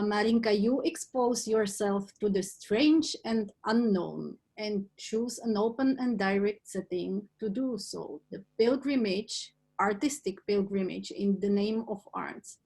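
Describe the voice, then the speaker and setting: A woman moderating an online symposium, asking measured questions over a video call. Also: mid-range voice, darkish tone.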